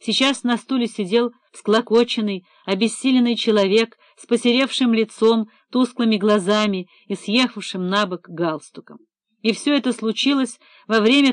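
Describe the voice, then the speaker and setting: Woman audiobook narrator, steady, even, close dry sound. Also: on the high side, normal speed, dry recording. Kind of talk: scripted narration.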